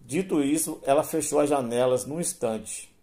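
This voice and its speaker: A man reading a spoken story aloud in a slow, measured, deliberate way. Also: medium pitch, warm tone.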